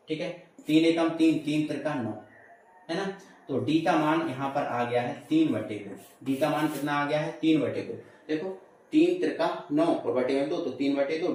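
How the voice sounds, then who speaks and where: A man's voice: a little high, a little hiss or hum. A male maths teacher explaining sums step by step, adding "है ना" and "ठीक है", asking questions aloud and answering them himself. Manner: repeats prompts like "है ना" and "ठीक है" to check understanding; playful asides while explaining. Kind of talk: chalkboard maths lesson. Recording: very echoey room, voice from a distance.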